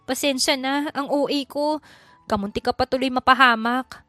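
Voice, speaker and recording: A woman's voice: normal speed, dry recording, soft background music. Woman doing a flustered shy young woman. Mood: apologetic. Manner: high, excitable, prone to flustered outbursts.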